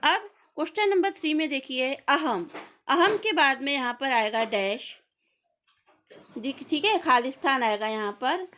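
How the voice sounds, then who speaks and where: Woman teacher, high voice, unhurried, asks then answers. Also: lively intonation, fairly bright tone, slight background noise. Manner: slow, repeats words for students. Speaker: school teacher. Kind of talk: classroom grammar lesson.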